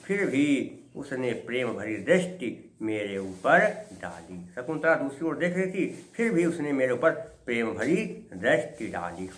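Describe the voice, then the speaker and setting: Man slowly explaining Sanskrit verse. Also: mid-range voice, fairly bright tone. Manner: chants verse slowly, then explains quickly with rhetorical questions. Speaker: Sanskrit lecturer. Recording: echoey room with faint ambient noise.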